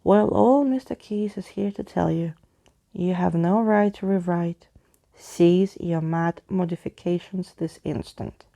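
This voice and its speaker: A pompous old skeleton from a children's storybook, played by a woman. He speaks in grand, wordy flourishes with a theatrical air. The voice is mellow and gravelly at the edges. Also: fairly low pitch, measured pace. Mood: indignant, boastful. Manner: grandiose, alliterative, theatrical speech.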